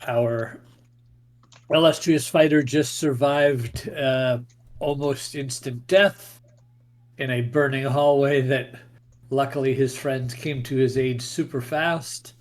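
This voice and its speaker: A man hosting as game master, narrating a fantasy tabletop game in descriptive, deliberate storytelling phrases. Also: medium pitch, fairly even intonation. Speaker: game master and show host.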